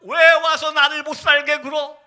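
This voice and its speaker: A male preacher voicing a hostile possessed young woman who shouts threats in a high, strained voice during a sermon. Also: flat delivery, normal speed, faint music behind, heavily acted. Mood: menacing.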